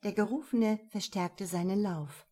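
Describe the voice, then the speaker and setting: A woman reading a crime novel aloud, in calm, measured scripted narration. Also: mid-range voice, breathy edge. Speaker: audiobook narrator.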